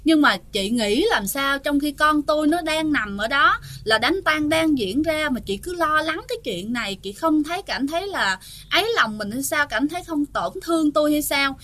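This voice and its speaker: Brief: aggrieved, wounded old mother-in-law in a spoken ghost tale, read by a woman, a little high, reproachful questions. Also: expressive, normal speed, a bit bright. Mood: indignant.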